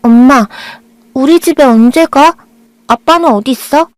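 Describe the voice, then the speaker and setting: Woman voicing a bratty young teen girl, high whiny voice, defiant, dry audio-drama sound. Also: expressive, normal speed, no room sound. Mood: whining, upset. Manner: whining, defiant.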